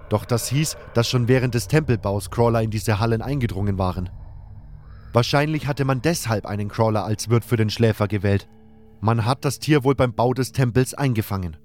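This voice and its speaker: A man's voice: mid-range voice, a little mellow. A man reading a scripted first-person fantasy story as its narrator.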